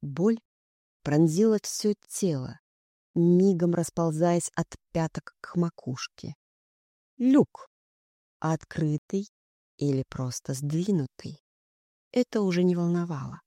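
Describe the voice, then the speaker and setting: A reader narrating a first-person novel in a measured, scripted audiobook style. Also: medium pitch, dark tone, no room sound, clean studio sound.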